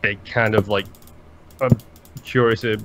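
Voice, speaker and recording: A man co-hosting a podcast in casual chat, rambling and animated, swearing freely. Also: on the low side, measured pace, slight background noise. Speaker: podcast co-host. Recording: slightly dull lo-fi sound.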